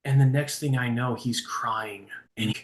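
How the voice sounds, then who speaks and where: This recovery-coach guest talks at a moderate pace with a medium-pitched voice. In the conversational interview he stays earnest and warms up into animation as he recounts a story.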